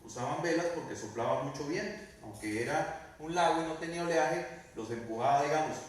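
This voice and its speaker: Pastor preaching. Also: male voice, fairly high pitch, fairly quick. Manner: preaching with questions to the congregation, dramatic quoted lines. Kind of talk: sermon. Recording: very echoey room, mic at a distance.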